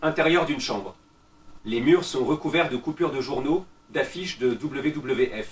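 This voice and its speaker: A man reading out the stage directions of a play in a calm, measured way. He sounds distant, in a roomy space with faint background noise. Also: mid-range voice.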